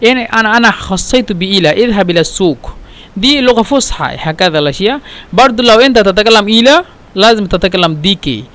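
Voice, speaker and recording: Quick, high-voiced male language teacher. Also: lively intonation, pushed and bright. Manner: repeats words and explains them one by one; non-native, broken Egyptian Arabic. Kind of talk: casual spoken lesson.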